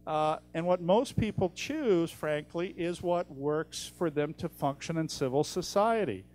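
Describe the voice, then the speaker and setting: A middle-aged man, a guest speaker answering audience questions, blunt and animated with jokey asides. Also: a little high, unhurried. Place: lecture room in a library. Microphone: handheld mic.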